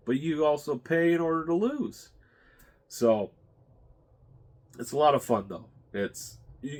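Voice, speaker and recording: Congested male vlog host, casual rambling delivery, thinking aloud as he goes. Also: medium pitch. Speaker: channel host. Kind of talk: casual unboxing chat.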